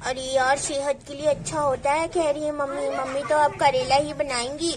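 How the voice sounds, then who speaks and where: A picky little village girl from a doll cartoon, voiced by a woman. She pleads and whines in a very high voice. Faint noise sits behind her. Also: flat delivery, moderate pace, lightly acted. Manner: pleading, whining.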